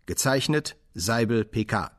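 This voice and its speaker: A man's voice: medium pitch, lively intonation, a little slow. A man reading an official police report aloud in a dry, officious manner.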